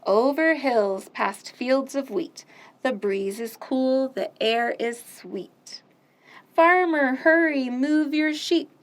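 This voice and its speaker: This high-pitched woman leads a kids' storytime, slowly working through picture books and nursery songs. She's animated and sing-song, punctuating it all with loud, playful sound effects.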